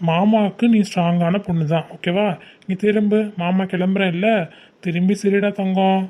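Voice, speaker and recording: A woman voicing a young male uncle, a college student, who gently coaxes his niece. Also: mid-range voice, steady tone, normal speed, highs cut off, natural voice. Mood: coaxing. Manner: soothing, coaxing, repeats "okay?".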